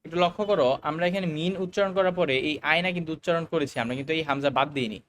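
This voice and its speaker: A man teaching a recorded Arabic lesson, explaining the grammar slowly, with fillers and English words mixed in. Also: fairly high pitch, a bit bright, a little hiss or hum.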